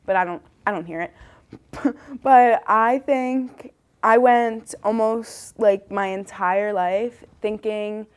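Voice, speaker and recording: A woman's voice: mid-range voice, takes it slowly, clean tone. Giggly young woman co-hosting a chat show. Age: young adult. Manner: giggly, rambling storyteller. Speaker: co-host. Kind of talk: casual chat.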